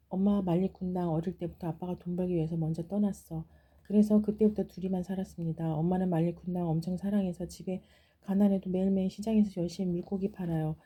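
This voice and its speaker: A woman's voice: fairly low pitch, mellow. A woman telling a folktale aloud in a casual way, with plain, simple phrasing. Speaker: storyteller.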